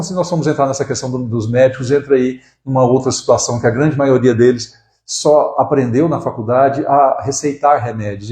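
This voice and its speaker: Medium in pitch and mellow, this man's voice sounds roomy. He is a Brazilian acupuncturist in his forties giving a relaxed live-stream talk, frequently tagging lines with "né?" and starting words over.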